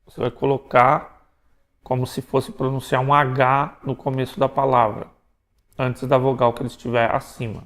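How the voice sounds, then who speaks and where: A man from Brazil teaching Greek pronunciation in a recorded lecture, explaining step by step and checking in with quick tag questions. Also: medium pitch, level tone, fairly bright tone.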